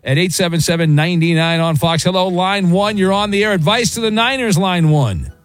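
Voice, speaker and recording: A man hosting late-night sports talk radio with a smooth radio host delivery, joking quickly with callers. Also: high voice, no room sound. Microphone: studio microphone.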